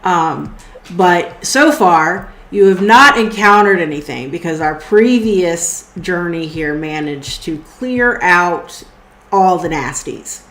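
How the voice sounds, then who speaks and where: A woman runs a tabletop game in a relaxed, unhurried way, drawling through her scene descriptions with plenty of filler words. Her voice sits a little low for a woman. The room around her gives an echoey ring. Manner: casual, hesitant, many fillers. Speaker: game master.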